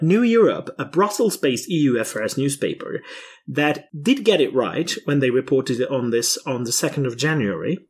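Lively chatty man in his thirties. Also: a little high, husky. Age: 30s. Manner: chatty, laughs often, explains news stories. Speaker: podcast co-host. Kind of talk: casual podcast chat.

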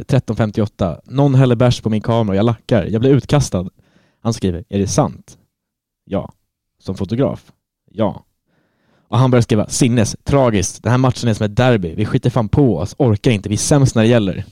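A man's voice: lowish voice, dark tone, no echo, studio quality. A man on a football podcast, telling a long story in casual chat and swearing freely. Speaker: podcast co-host.

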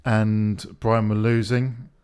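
A man co-hosting a casual podcast chat, pausing often with ums and laughing as he talks. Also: lowish voice, little pitch movement, darkish tone, smooth. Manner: hesitant, lots of ums and laughs. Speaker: podcast co-host.

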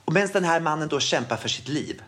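A man chatting casually as co-host, who tells stories with a lot of movement in his voice. He acts out the people in his anecdotes as he goes. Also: fairly high pitch. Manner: animated storytelling, acts out quoted people. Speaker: podcast co-host. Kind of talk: casual chat.

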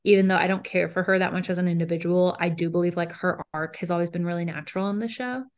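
A young woman with a lower-pitched voice chats casually as a podcast co-host. She talks in animated runs, full of "like" and "um". Her delivery is loose and conversational. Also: fast. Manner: animated, frequent "like" and "um", laughs between lines. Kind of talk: casual chat.

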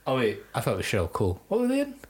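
A man's voice: mid-range voice, wildly swooping pitch, very fast, heavy background noise. A man with a broad, thick Scottish accent joking casually as a podcast host, self-deprecating and sweary.

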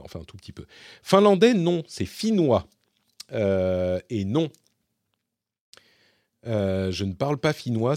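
A man's voice: on the low side, mellow, dry recording, clean studio sound. A man hosting a casual question-and-answer session, talking in a rambling way with many fillers and restarts. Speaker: host. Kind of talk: casual Q&A monologue.

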